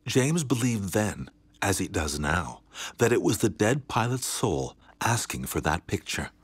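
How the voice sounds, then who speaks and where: A man reading a scripted documentary narration in a dramatic way, slowing down on key words, with music playing behind him. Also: on the low side, very animated, slightly rough, no room sound. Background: background music.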